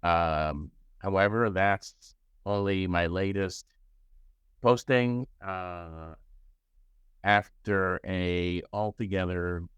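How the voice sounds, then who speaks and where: An older Cuban man, a child psychiatrist and professor, speaks in a very low, deep voice that's smooth and resonant yet fairly bright in tone. In this casual personal interview he halts often, with frequent fillers and restarts. The recording is close and dry with no room echo, and the audio is dull.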